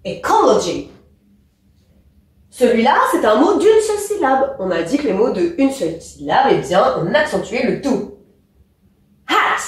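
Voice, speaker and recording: Lively high-voiced woman teaching, echoey room. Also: normal speed, far from the mic. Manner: lively, addresses the listener directly, stresses example words. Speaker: English teacher. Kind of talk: explaining a lesson to a pupil. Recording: echoey room, a bit off-mic.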